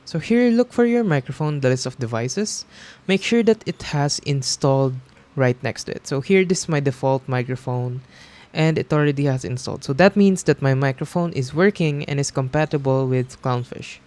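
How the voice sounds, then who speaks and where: Hosting a software tutorial, a man explains each step casually and instructively. His mid-range voice is a little mellow and moves at a moderate pace.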